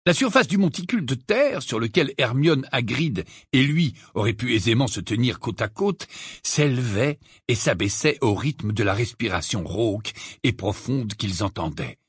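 A man reading an audiobook narration in an expressive manner, close to the mic. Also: normal speed, breathy edge, no echo. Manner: expressive, swinging widely in pitch.

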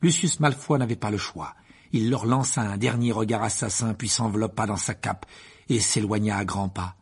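A man reading a novel aloud as an audiobook narrator, expressive and dramatic. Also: moderate pace, slightly rough. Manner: expressive, shifts pitch widely for dramatic moments. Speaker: audiobook reader. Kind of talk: scripted narration.

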